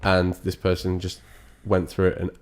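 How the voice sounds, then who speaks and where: A young man co-hosting a casual podcast chat, telling lively anecdotes and laughing often. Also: low-pitched, moderate pace. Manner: chatty anecdotes, laughs often, makes sound effects. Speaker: podcast co-host.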